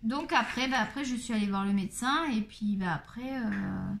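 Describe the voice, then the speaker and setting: A woman's voice: a little high, moderate pace, vocal fry, a bit bright, a little hiss or hum. A middle-aged woman hosting a coloring video, chatting casually and candidly as she colors, rambling with many fillers. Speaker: coloring channel host. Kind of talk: casual chat while coloring.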